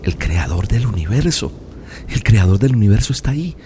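A man voicing the wind as a low, hushed, secretive speaker in a storytelling sermon. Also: very animated, a little fast. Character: low whispery male wind spirit.

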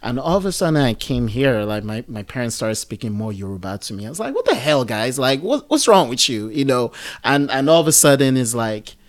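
With big pitch swings, a medium-pitched voice, and a slightly fast pace with few pauses, this Nigerian guest in his thirties speaks casually and thoughtfully, meandering through plenty of fillers and restarts.

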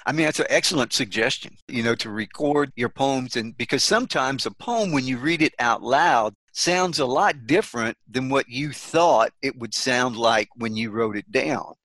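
A man's voice: medium pitch, normal speed, few pauses, fairly bright tone, no room sound. A man hosting a podcast interview, affirming and summing up his guest's points. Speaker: podcast host. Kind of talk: interview conversation.

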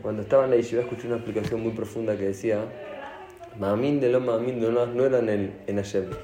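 A man with an Argentine accent giving a sermon as a rabbi, animated and asking his audience questions. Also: on the low side, fast talker. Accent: Argentine Spanish. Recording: echoey room.

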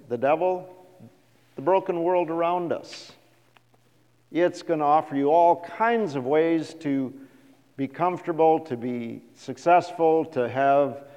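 A middle-aged man preaching a sermon as a pastor, animated and asking the congregation questions. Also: mid-range voice, gravelly, highs cut off. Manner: animated, acts out quoted voices, asks the congregation questions. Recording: reverberant hall.

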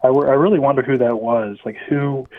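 A man's voice: medium pitch, brisk. Muffled man over a speakerphone line. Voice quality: muffled and quiet. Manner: deadpan, rambling with many fillers. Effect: caller heard over a phone line on speakerphone. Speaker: caller. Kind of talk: casual call-in chat. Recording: tinny muffled phone line.

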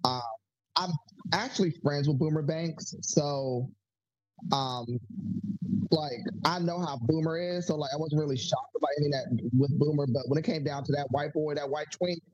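Sassy, husky-voiced man chatting. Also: on the high side, normal speed, darkish tone, dry recording. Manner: sassy, profane, dramatic. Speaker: podcast co-host. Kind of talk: casual chat. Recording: dull lo-fi sound.

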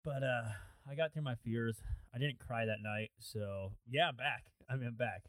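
A man's voice: mid-range voice, moderate pace, fairly bright tone, no echo. A young man chatting casually as a podcast co-host, rambling through long stories with lots of fillers and frequent laughter. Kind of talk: casual chat.

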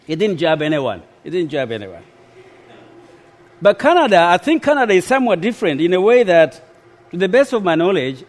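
Measured man giving a lecture. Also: on the high side, a little mellow. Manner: measured and deliberate, with frequent hesitations. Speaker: lecturer, mission historian. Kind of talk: formal lecture.

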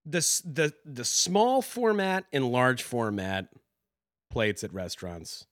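A man's voice: mid-range voice, lively intonation, slow pace, fairly bright tone, no echo, studio quality. A man co-hosting a casual talk show, complaining in an irritated, profane way. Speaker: podcast co-host. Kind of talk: casual chat.

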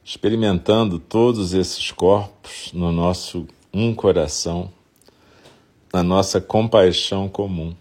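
A Brazilian man with a very deep, husky voice and a Brazilian Portuguese accent acts as a meditation guide. He speaks very slowly and gently in a steady tone, leaving long pauses between short, soothing phrases.

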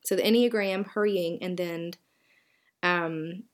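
A woman's voice: on the low side, takes it slowly. A woman with a Southern US accent hosting a solo podcast, talking in a chatty, reflective way with frequent fillers and self-corrections. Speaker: podcast host.

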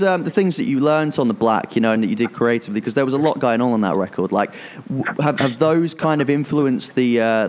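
A man's voice: medium pitch, darkish tone. A man interviewing a musician, asking long, rambling questions full of restarts and fillers. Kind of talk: casual interview.

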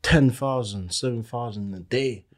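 A man's voice: mid-range voice, measured pace. A man with a London roadman accent, chatting casually in street slang as a guest on a podcast. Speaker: podcast guest, comedy skit creator.

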